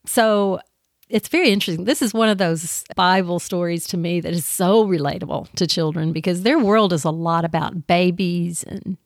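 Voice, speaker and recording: A woman speaks in a casual podcast chat about teaching children, her tone gentle and eager. She often restarts her sentences. The sound is dry and close, with no room around it. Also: fairly low pitch, moderate pace, no room sound.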